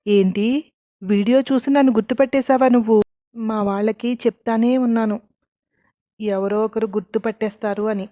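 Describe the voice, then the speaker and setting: A woman's voice: fairly high pitch, steady tone, moderate pace, long pauses, no echo, narrow, tinny audio, lightly acted. Woman voicing Vidya, a wary college girl. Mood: suspicious. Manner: suspicious, questioning. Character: young woman college student, wary and defensive.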